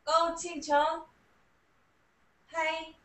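A young woman in an idol group, making shy, unhurried remarks during a casual live broadcast. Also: very high-pitched, level tone, fairly bright tone, roomy sound, far from the mic.

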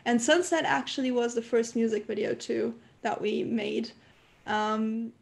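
A young woman, a singer-songwriter, chatting casually as a podcast guest, talkative and quick to laugh at herself. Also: a little high, steady tone, vocal fry. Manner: chatty, laughs often, self-deprecating.

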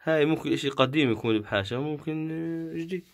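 A man with a Palestinian Arabic accent giving unscripted, observational commentary while filming in a rock cave, pausing to speculate. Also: a little high. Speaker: cave explorer filming and narrating. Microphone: handheld phone or camera. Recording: faint noise, handheld camera audio.

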